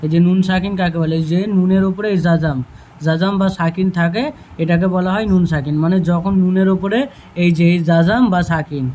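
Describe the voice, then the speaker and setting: A teacher giving a Quran reading lesson, patiently repeating letter sounds and drawing out words slowly. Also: medium pitch, steady tone, darkish tone, a little hiss or hum, low-quality recording. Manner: slow drawn-out chanting of prayers and words.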